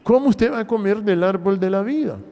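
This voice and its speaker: A man's voice: high-pitched, fairly quick, dark tone. A man with a Honduran accent, preaching a sermon as pastor and putting rhetorical questions to the congregation in a long church reverb. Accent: Honduran Spanish. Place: church hall.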